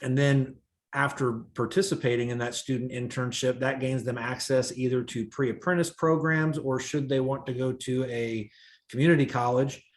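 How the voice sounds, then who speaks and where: A man's voice: medium pitch, steady tone. Man on a video call, uneven volume. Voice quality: halting, many "uh" fillers. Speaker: school administrator giving a report. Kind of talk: board meeting report.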